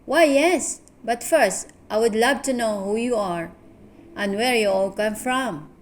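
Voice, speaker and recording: A woman's voice: a little high, measured pace, close to an everyday voice. A woman voicing a friendly, welcoming male monkey who drives a tram in a storybook. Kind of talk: storybook reading.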